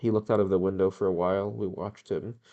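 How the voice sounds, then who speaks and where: A man's voice: low voice, steady tone, fast, mellow, muffled recording. A young man reading a novel aloud in a plain way, with occasional stumbles and self-corrections. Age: young adult. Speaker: reader.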